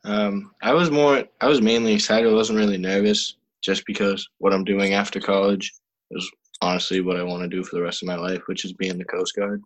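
A man's voice: lowish voice, little pitch movement, a little fast, lo-fi sound. An eighteen-year-old young man talking plainly and steadily about his senior year. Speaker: high school senior.

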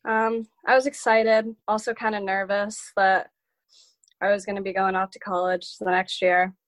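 A woman's voice: mid-range voice, level tone, normal speed. An eighteen-year-old young woman answering casually and a bit hesitantly. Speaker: high school senior.

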